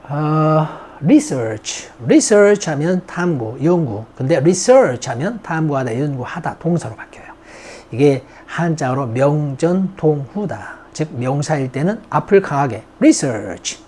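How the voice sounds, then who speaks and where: A man's voice: fairly high pitch, animated, takes it slowly, darkish tone, a little hiss or hum. A man teaching English vocabulary, reading each word aloud, repeating it and explaining it. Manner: reads English words aloud, repeats them, then glosses them in Korean. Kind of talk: recorded vocabulary lesson.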